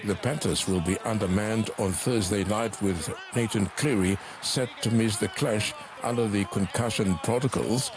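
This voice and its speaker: A man delivering a scripted sports report voice-over in a smooth, steady read. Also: lowish voice, normal speed, few pauses, over music.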